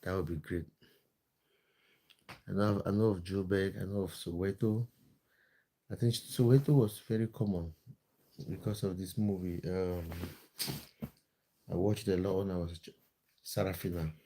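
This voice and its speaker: A man's voice: deep voice, fairly even intonation, moderate pace, pauses often, dark tone. A man from Cameroon, hosting a casual live stream, reading viewer comments in a friendly, chatty way with lots of fillers and restarts. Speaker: live-stream host and football content creator.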